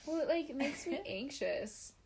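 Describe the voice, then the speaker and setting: A young woman in her twenties co-hosts a loose, casual podcast, her slightly high voice sounding worn and fatigued. She rambles, laughs at herself often and pokes fun at her own sluggishness. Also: animated, unhurried, noisy background. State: fatigued voice after jaw surgery. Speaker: podcast co-host. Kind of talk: casual chat.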